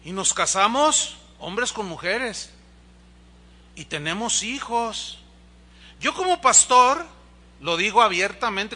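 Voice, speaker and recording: A man's voice: high voice, pushed and bright. A man, a pastor preaching a conversational sermon in a church, asking the congregation rhetorical questions and acting out quoted dialogue. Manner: acts out dialogue in quoted voices.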